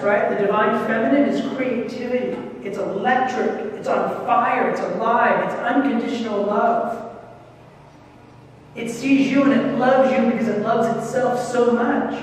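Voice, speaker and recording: Male preacher, very high voice, joking and loose, distant echoey hall recording. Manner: playful, joking, acts out quoted voices. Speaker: speaker at a spiritual center. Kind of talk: casual sermon. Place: large hall, heard from a distance. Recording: echoey hall from far off, faint noise.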